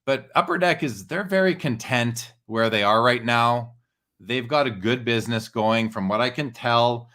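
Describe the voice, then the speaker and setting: A man's voice: mid-range voice, normal speed, bright, forceful tone. Talkative man giving opinionated casual commentary. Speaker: show host and commentator.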